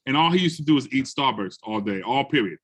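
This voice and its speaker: Animated New man telling stories. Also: medium pitch, fast talker, slightly rough. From the Bronx, New York. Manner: animated, acts out quotes in other voices. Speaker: educator and guest speaker. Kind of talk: storytelling in a conversation.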